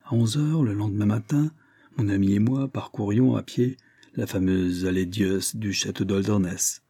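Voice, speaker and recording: A man narrating a classic detective story in a measured, literary audiobook reading. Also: lowish voice, dark tone, breathy edge, no room sound, clean studio sound. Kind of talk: scripted narration.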